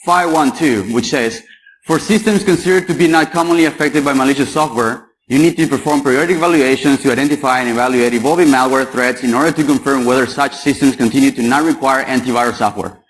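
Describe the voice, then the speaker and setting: A man's voice: medium pitch, fast talker, slight background noise, poor audio. A young man from Paraguay giving a chatty, joking talk at a security conference and quizzing the audience. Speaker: conference speaker. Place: conference hall.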